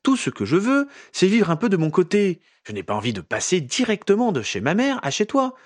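A man's voice: high voice, wildly swooping pitch, fairly quick, voice pushed up. A man voicing a fiery, defiant young witch in a raised, passionate, insistent voice.

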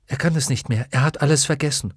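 A man's voice: medium pitch, fast talker, husky, no room sound, clean studio sound, pitched above the performer's own voice, close to an everyday voice. A man voicing a brave, earnest young boy hero in an audiobook, speaking eagerly and urgently. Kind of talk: audiobook character voice.

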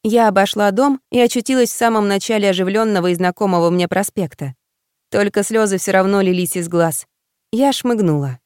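A woman narrating a first-person audiobook in an expressive manner, voicing the heroine's emotional lines. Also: medium pitch, brisk, smooth, no room sound, studio quality.

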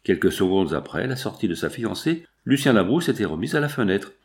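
A man narrating a novel in an expressive storytelling manner. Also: on the low side, a little fast. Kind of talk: audiobook narration.

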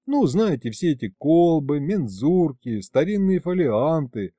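Lively mellow male audiobook narrator. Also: a little high, unhurried, no echo, clean studio sound. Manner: lively, expressive. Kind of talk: scripted narration.

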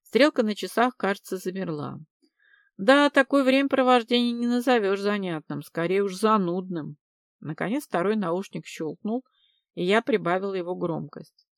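A woman's voice: medium pitch, lively intonation, normal speed, no echo. Woman narrating an audiobook, dry and close. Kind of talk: first-person audiobook narration.

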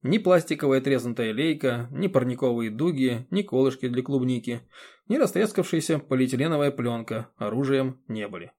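A man reading an audiobook in a steady, even narrating voice. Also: medium pitch, normal speed. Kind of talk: scripted narration.

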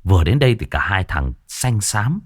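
Male storyteller, colloquial horror narration; low voice with lively pitch. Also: moderate pace, soft background music.

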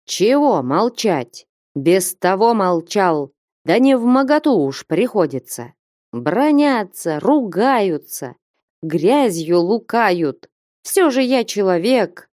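A woman voicing a drunken, self-pitying man with a hoarse, whining voice, in an audiobook. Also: medium pitch, big pitch swings, slow pace, darkish tone, no room sound, clean studio sound. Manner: whining, complaining.

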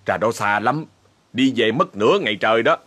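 Gruff irritable father, put on by a man, grumbling scolds. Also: medium pitch, lively intonation, fairly quick, fairly bright tone.

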